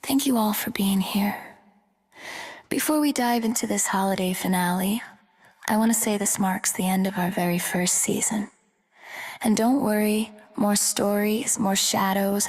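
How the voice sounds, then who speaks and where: A woman hosting and narrating a spooky story show in a whispered role-play, playful and teasing, with a breathy whisper. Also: mid-range voice. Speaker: host and storyteller. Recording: reverberant, with music behind.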